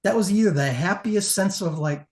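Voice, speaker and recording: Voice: medium pitch, normal speed, a little mellow. Judge talking casually, swears a lot, emphatic opinions, mid-range voice. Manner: emphatic, profane, conversational. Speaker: competition judge. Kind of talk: casual panel critique.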